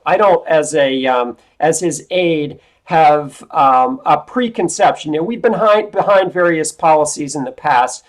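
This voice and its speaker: Over a video call, a female instructor plays a politician's aide in a classroom role-play, speaking frankly and casually. Her voice sits lower than usual today, and she keeps restarting her sentences.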